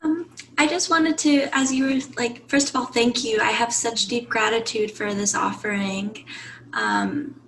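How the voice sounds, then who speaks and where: A woman with a bright, gravelly voice shares a personal story in an online group. She talks earnestly and pads her phrases with "like", and her voice sounds a little roomy. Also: on the high side, lively intonation, unhurried, a little hiss or hum. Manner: earnest, many "like" fillers. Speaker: workshop participant. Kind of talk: personal sharing.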